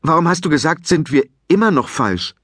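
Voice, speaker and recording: A man's voice: fairly high pitch, lively intonation, fairly quick, fairly bright tone, no echo, clean studio sound, voice pushed up. A man voicing an earnest young giant boy in a children's audiobook, calling out eagerly and urgently.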